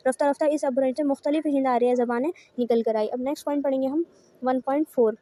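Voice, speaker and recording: A woman's voice: high-pitched, fairly even intonation, warm tone. A woman giving an online lecture, asking rhetorical questions, answering them herself, and repeating each point in new words. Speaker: teacher. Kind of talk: online lecture explaining course notes.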